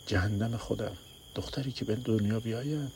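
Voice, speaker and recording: Male reader doing a young village woman in labor, high, strained, shouting. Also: breathy edge. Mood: desperate. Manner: strained, crying out in pain.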